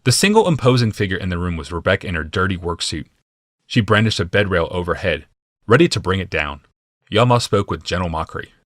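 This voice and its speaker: A low-voiced man narrates a fantasy audiobook in a deliberate, dramatic, sing-song way that is plainly scripted. The recording is close and dry, with no room echo.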